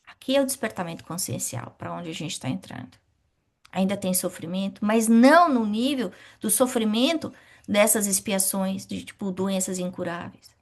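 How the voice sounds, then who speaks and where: A middle-aged woman teaching a spiritist study class, asking questions and answering them herself in a lively way. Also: on the high side, vocal fry.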